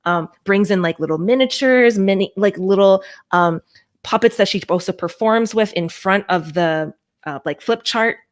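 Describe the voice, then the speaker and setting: In a moderate-paced, mid-range voice, a Hong Kong woman born in the US chats as an interview guest, a puppeteer and storyteller who hesitates, plays herself down and thinks aloud.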